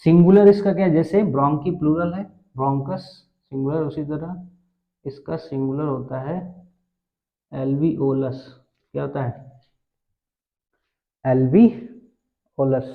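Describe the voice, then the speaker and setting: A man with a somewhat high voice explains biology in a classroom lecture. He fires rhetorical questions, answers them, and checks that his students are following. The sound is thin and phone-like. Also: unhurried. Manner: asks quiz questions and answers them himself; mixes English science terms into Hindi. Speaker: biology teacher.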